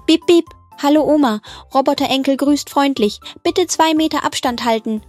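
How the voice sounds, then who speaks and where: A woman's voice: high-pitched, normal speed, a little mellow, faint music behind, natural voice. A woman voicing an eight-year-old child who pretends to be a robot, saying stiff announcements between beeps. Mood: robotic, playful. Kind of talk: scripted family comedy.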